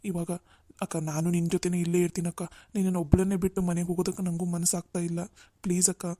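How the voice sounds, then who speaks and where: A woman's voice: on the low side, level tone, fast, dark tone, no echo, natural voice. A woman voicing a caring young woman in a cartoon, soothing and reassuring. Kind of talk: Kannada cartoon voice acting.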